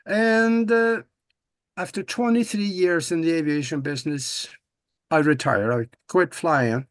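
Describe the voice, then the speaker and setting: A man's voice: fairly high pitch, measured pace, no room sound. An older man from Norway, a guest in a casual interview, talking in a folksy, upbeat way with many restarts and "uh"s.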